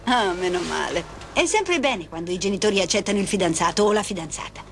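A woman's voice: mid-range voice, expressive, fast talker, lightly acted. Kindly, chatty elderly mother acted by a woman. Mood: warm, chatty. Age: older. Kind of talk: dubbed TV soap opera acting.

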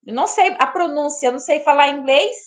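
Very high-voiced, exclamatory woman host. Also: fast talker, a little hiss or hum. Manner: exclamatory, laughs often, greets viewers by name. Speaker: live stream host. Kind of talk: casual live-stream chat.

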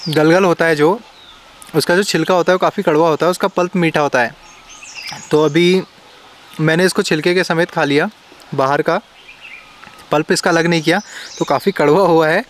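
A man with a somewhat high voice chats to camera from a forest campsite in the hills. He talks casually and explains each step to his viewers. Faint insects and birds hum behind him. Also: fairly even intonation, normal speed, long pauses. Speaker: camping vlogger. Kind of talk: casual vlog narration to camera.

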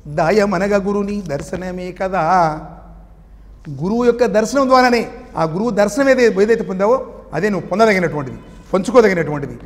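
A man giving a spiritual sermon who chants verses slowly and then explains them, often asking a question and answering it himself. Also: high voice, in a large hall. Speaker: spiritual teacher.

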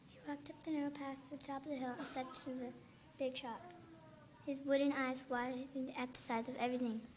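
Woman narrating a storybook on stage, high voice, flat, careful reading. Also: a little fast, noisy background. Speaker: student narrator. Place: church hall.

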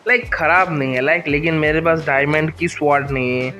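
An excitable young Indian man talks through his gameplay, pleading and yelling at the monsters on screen. His voice sits a little high for a man. Faint music plays beneath him. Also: a little fast. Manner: excitable, shouts at game mobs, pleading bursts. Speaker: gaming YouTuber. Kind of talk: gameplay commentary.

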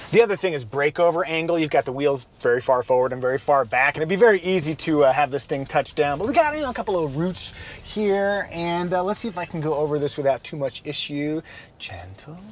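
A man hosting a casual car review from inside a minivan while he drives, chatty and relaxed, with playful asides. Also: on the high side, a little hiss or hum.

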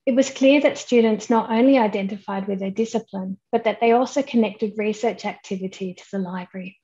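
A woman, giving a measured, explanatory conference keynote over a webcam. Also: mid-range voice, mellow, muffled recording. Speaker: keynote speaker. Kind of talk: online conference presentation. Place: indoors at home, plain wall behind. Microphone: webcam at desk, head and shoulders framing.

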